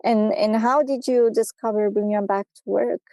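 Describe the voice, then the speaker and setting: Gravelly-voiced woman hosting an interview. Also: on the high side, fairly even intonation, moderate pace, dry recording, low-quality recording. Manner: warm encouraging interviewer, frequent affirming murmurs. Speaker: podcast host and program founder. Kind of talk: interview conversation.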